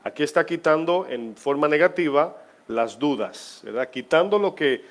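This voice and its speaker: A man preaching a sermon as pastor of his church, asking the congregation questions and moving between loud emphasis and quiet, drawn-out phrases. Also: on the high side, lively intonation.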